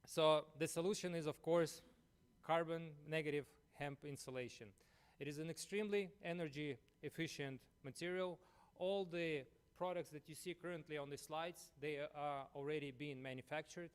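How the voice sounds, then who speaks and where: A man's voice: on the high side, fairly even intonation, normal speed, clean tone. Ukrainian-accented man presenting at a conference. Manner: chatty, leans on "you know" and "uh". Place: conference room.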